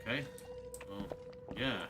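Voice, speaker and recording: A man giving casual, rambling commentary on a video game, with dry muttered asides to its characters. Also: takes it slowly. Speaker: gamer commentating on his playthrough. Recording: loud game music behind voice. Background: game music.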